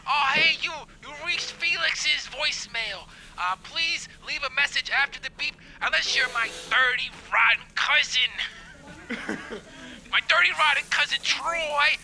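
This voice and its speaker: A man's voice: very high voice, creaky, sharp tone, voice pushed up, heavily acted. A man voicing an angry cousin's voicemail greeting, heard over a phone speaker, snarling and threatening. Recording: tinny phone speaker with music.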